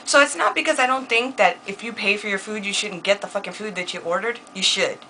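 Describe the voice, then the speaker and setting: A young woman vlogging in a casual chat, animated and laughing often, and quick to curse. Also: mid-range voice, slight background noise, low-quality recording. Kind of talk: casual chat, swearing freely.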